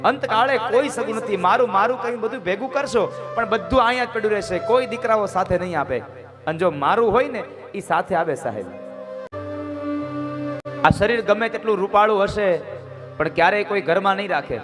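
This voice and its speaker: High-voiced preacher, music behind. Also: male voice, fairly quick. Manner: rhetorical questions, earnest and insistent. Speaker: katha preacher. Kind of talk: devotional sermon with sung verses.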